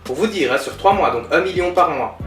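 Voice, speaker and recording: A pompous, self-satisfied billionaire , played by a man, bragging in a lively, bouncy voice pitched a bit high. He sounds roomy and distant, with faint music in the background. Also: brisk. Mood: boastful. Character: boastful, pompous male billionaire entrepreneur. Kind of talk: comedy sketch interview.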